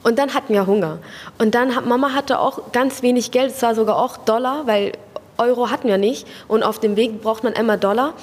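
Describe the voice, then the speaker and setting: A young woman from Afghanistan gives earnest, thoughtful answers in a slightly high voice, with fillers here and there. Her voice rings with a long echo in the room. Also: a little fast, breathy edge. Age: young adult. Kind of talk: casual interview answers.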